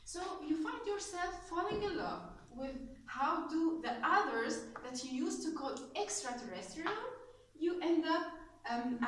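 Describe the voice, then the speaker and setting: A young woman from Tunisia giving a prepared club speech, animated and laughing often, with fillers and restarts. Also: sits high, a little hiss or hum. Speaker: club speaker. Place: meeting room with audience. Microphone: far camera. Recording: echoey room from far off.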